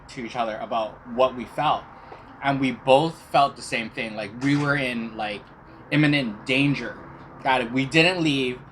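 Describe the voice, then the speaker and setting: A man's voice: medium pitch, fairly bright tone, rough recording. A middle-aged man telling personal stories casually to viewers, chewing while he talks. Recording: clear background noise.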